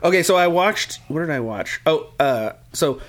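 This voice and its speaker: Podcast co-host, male, loose and jokey, voice sits a bit high, keeps drifting into silly impressions. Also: lively intonation, normal speed. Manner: rambling, jokey, slips into mocking movie voices. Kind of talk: casual chat.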